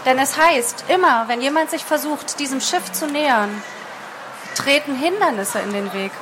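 Woman presenter introducing a reading, high voice, clear background noise. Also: normal speed. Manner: casual summary with hesitations.

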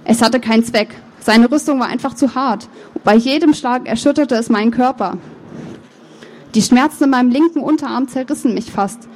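A woman author reading her novel aloud, with measured, expressive first-person narration and the odd slip of the tongue. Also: on the high side. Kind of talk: book reading.

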